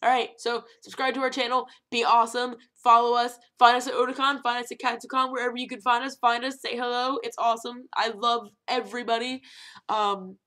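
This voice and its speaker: A young woman talking casually to camera in a vlog, animated and rambling, with emphatic rhetorical questions. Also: a little high, fairly quick. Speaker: vlogger.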